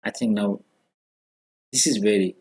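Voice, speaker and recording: A man's voice: lowish voice, very slow, a little mellow, reverberant. A male English teacher giving a classroom grammar lesson, switching between two languages and often asking questions that he then answers himself.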